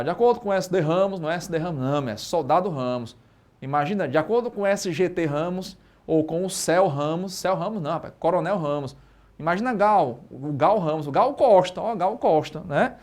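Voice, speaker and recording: A man with a Brazilian Portuguese accent teaching a live online exam-prep lesson, lively and constantly checking in with tag questions. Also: a little high. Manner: lively, asks and answers own questions, frequent tag questions.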